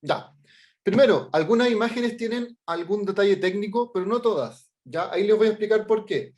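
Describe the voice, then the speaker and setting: Heard on a muffled recording, the high-pitched, expressive, darkish voice belongs to a middle-aged Chilean man. He's an artist and teacher presenting his work informally in a video-call workshop, stumbling through fillers and restarts and checking in again and again with "¿ya?".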